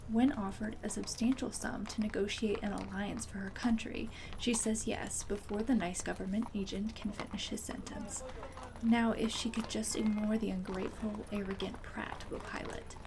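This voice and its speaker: A woman performs a soft-spoken ASMR roleplay as a host, her mid-range voice breathy and partly whispered. Her manner is gentle and friendly, and the background is noisy.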